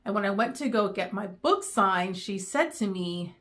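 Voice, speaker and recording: A middle-aged woman, chatting in a rambling way with many pauses, going emotional at times. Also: mid-range voice, animated, a bit bright. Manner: emotional, near tears. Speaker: book vlogger. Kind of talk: casual chat.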